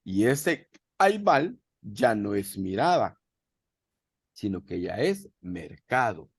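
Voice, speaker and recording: A man teaches a virtual class in a slow, gravelly voice. He repeats words patiently for his students, and his pitch rises and falls a great deal. The sound is husky and dry, as on a video call. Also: big pitch swings, no room sound. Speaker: language teacher.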